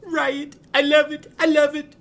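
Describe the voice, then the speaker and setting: A man voicing two excited male cartoon mice in a tabletop game, squealing and gleeful. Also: sits high, moderate pace, slightly rough, voice pushed up, full character voice.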